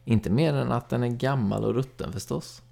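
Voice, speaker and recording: Storybook father, calm, reassuring, matter-of-fact, read by a man with a dark gravelly voice. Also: medium pitch, pitched above the performer's own voice. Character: calm sensible father of a family.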